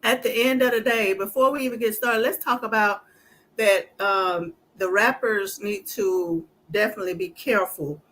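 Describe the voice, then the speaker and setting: Bright-voiced woman hosting a casual chat. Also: medium pitch, fairly even intonation, normal speed. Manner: reads a letter aloud; loose, conversational. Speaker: podcast host.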